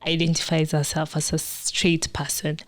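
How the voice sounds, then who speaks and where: A young woman co-hosting a podcast in casual chat, animated and quick to agree. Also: low voice. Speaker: podcast co-host.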